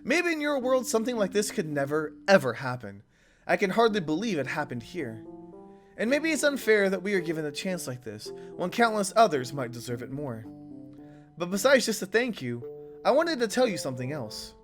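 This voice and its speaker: A hoarse man reading a game's sincere, reflective storybook figure aloud. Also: high voice, big pitch swings, moderate pace, soft background music. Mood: earnest. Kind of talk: reading game dialogue aloud.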